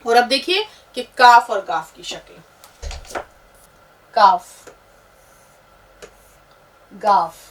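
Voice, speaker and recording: Female teacher, higher voice, patient explainer, mic a touch distant. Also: sing-song, very slow, pauses often, slight background noise. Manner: patient, explaining, pointing at letters as she writes. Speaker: Urdu teacher. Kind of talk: step-by-step script lesson.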